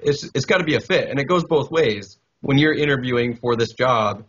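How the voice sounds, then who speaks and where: A man's voice: medium pitch, fairly bright tone. A man in his thirties hosting a podcast interview, asking easygoing questions over a headset mic on a video call. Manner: easygoing, affirming listener. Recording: dull, lo-fi call audio.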